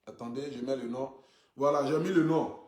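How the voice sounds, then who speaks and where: Speaking at a normal rate in a medium-pitched, slightly mellow voice, a man influencer addresses viewers casually over a phone livestream from a seat indoors, with the room echoing around him. He's sincere and keeps circling back to the same points, his speech full of "voilà" and "donc du coup".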